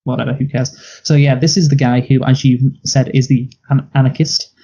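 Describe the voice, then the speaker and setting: Mellow-voiced man, blunt and opinionated. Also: medium pitch, fairly even intonation, fairly quick, husky. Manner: blunt, opinionated, filler-heavy. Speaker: podcast co-host. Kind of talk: casual chat. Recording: dull lo-fi podcast audio.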